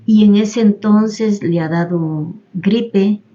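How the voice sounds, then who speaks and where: Mellow-voiced Ecuadorian woman giving a testimony. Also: mid-range voice, slow, dull audio. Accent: Ecuadorian Spanish. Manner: emotional storytelling, acting out the dialogue she retells. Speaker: interviewee, head of a families' association. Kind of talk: personal testimony on community radio.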